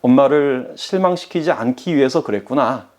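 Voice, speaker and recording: A man's voice: mid-range voice, animated, normal speed, darkish tone. A man giving a sermon as pastor, earnestly addressing the congregation.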